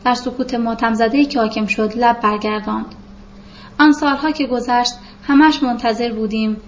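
A woman's voice: a little high, steady tone. Woman narrating a novel, lo-fi. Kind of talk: literary audiobook narration. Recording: dull lo-fi recording with faint hiss.

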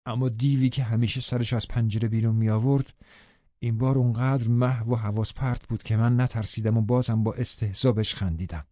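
A man narrating an audiobook in a steady, even storytelling manner. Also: mid-range voice, dry recording, muffled recording. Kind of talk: scripted narration.

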